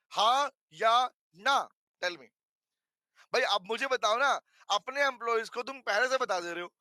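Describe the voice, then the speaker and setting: A man's voice: very high voice, bright, forceful tone, no echo. A man with an Indian accent teaching a live online class, chatty and teasing his students, with a sore throat. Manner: chatty, teasing, mixes Hindi and English.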